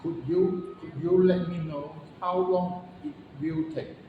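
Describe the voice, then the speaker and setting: A man's voice: sits high, steady tone, slow pace, phone-quality sound. A man answering as a student in class, hesitant and tentative. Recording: echoey, very noisy classroom from afar.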